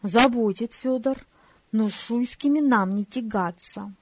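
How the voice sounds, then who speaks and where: A woman's voice: a little high, a little slow, a little mellow, slight background noise, lightly acted. A woman voicing a weary, cautious nobleman who brushes off his brother with resignation. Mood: resigned. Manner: dismissive, resigned.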